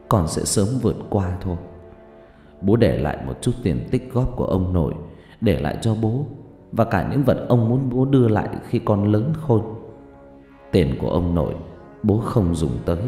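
A man voicing a gentle dying father who reads out his farewell letter in a soft, sorrowful way, with faint music behind. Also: lowish voice. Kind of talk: letter read aloud in a ghost story. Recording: echoey reverb with faint music.

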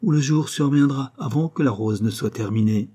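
A man's voice: medium pitch, moderate pace, warm tone, lightly acted. A man voicing an urgent rose tree. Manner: insistent, urging.

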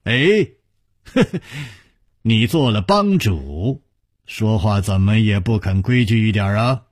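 A man's voice: on the low side, lively intonation, takes it slowly, darkish tone. A man playing a laughing, jovial swordsman hero. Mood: teasing. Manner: hearty laughing, jovial teasing. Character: cheerful, witty young male swordsman hero.

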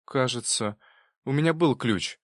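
A man's voice: mid-range voice, a little slow, dry recording, clean studio sound, pitched above the performer's own voice, lightly acted. A man reading an audiobook, voicing a timid young woman on the witness stand in a lifted, hesitant voice.

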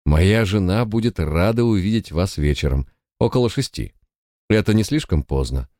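A man voicing an earnest, pious male lawyer who speaks quietly, in an audiobook. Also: sits low, lively intonation, normal speed, no echo, studio quality. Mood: polite.

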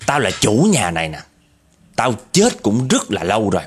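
A man's voice: fairly low pitch, wildly swooping pitch, moderate pace, slight background noise. A man voicing a boastful old male house ghost, talking in a taunting, gloating way.

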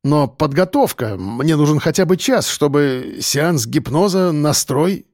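A man's voice: fairly high pitch, animated, measured pace, a little mellow, dry recording, clean studio sound. A man reading an audiobook, voicing a nervous, irritable aging professor who talks hesitantly and defensively.

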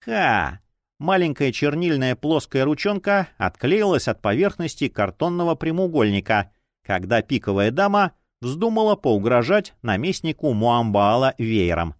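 Expressive man reading an audiobook. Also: medium pitch, moderate pace, dry recording, studio quality. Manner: expressive, dramatic. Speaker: audiobook reader. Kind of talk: dramatic audiobook narration.

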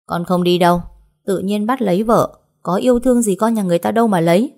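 A woman's voice: mid-range voice, fast talker, creaky, darkish tone, voice pushed up, lightly acted. A woman voicing a spoiled, short-tempered young man who snaps rudely. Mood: protesting. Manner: rude, snapping.

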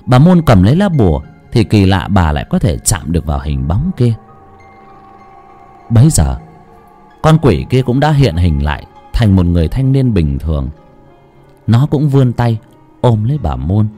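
A man tells a ghost story in a low, dark voice whose pitch swings widely for drama. Faint music plays under his narration. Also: big pitch swings, moderate pace, pauses often.

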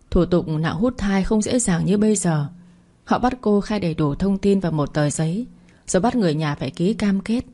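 A woman narrating a dramatic story in a steady storytelling voice. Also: on the low side.

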